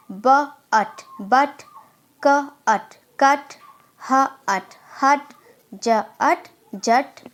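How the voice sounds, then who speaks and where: A woman, teaching a phonics lesson and slowly sounding out letters before blending them into words. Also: sits high. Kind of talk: slow phonics drill.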